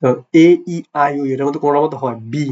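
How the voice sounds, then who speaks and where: A man teaching a grammar lesson to young pupils, often asking "clear?" and quizzing them with playful, affectionate words. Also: fairly high pitch, little pitch movement, quick pace, darkish tone. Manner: repeats "clear?" and quizzes the listener; affectionate, teasing address to pupils. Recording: dull lo-fi recording.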